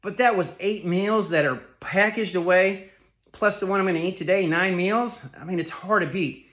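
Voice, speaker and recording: A slightly high-voiced man in his thirties talks through his meal prep in a home kitchen. He sounds a little out of breath from his workout. His delivery is easygoing and rambling, full of repeats and quick self-corrections. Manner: relaxed, repetitive, rambling with fillers and self-corrections. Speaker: fitness vlogger. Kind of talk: casual home cooking vlog.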